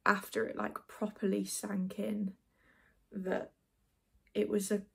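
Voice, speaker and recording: Her voice medium-pitched, a little mellow, breathy at the edges and marked by vocal fry, a twenty-year-old beauty vlogger rambles with many fillers. She chats casually as she gets ready in a dim little bedroom, putting on makeup.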